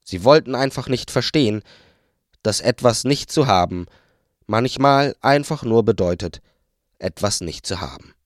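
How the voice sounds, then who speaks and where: A man narrating an audiobook in a calm, measured storytelling manner. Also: mid-range voice, no echo, studio quality. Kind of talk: audiobook reading.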